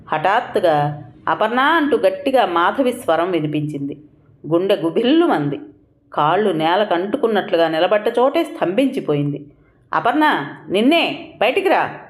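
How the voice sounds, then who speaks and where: A woman narrating a dramatic audio story in vivid, descriptive prose. Her voice sits somewhat low. It is a steady, scripted reading.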